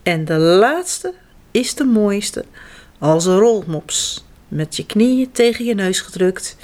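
A woman storyteller reading children's stories aloud, slow and expressive. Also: mid-range voice.

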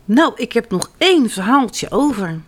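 A woman reading a children's story aloud in an animated, expressive way. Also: on the high side, measured pace.

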